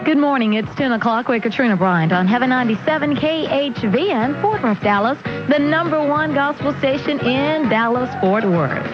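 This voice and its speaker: A woman's voice: high-pitched, lively intonation, normal speed, few pauses. A woman radio announcer giving an upbeat station ID, heard from a tinny old radio recording. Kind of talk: station ID read. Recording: lo-fi radio aircheck with music bed.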